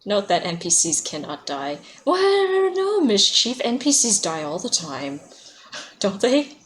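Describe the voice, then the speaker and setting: A woman's voice: mid-range voice, sing-song, unhurried, slight background noise. A woman streaming a video game, chatting casually, laughing often and answering her chat by name. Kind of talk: casual livestream chat while playing.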